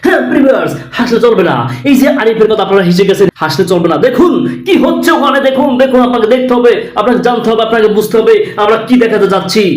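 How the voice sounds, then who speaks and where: A frantic male TV reporter, as a man puts him on, yelling the same demands again and again in a high, strained pitch. He pushes every line as breaking news. The sound rings in an echoey room. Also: expressive, fast, few pauses. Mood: frantic hype. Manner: pushy, repetitive, shouting hype.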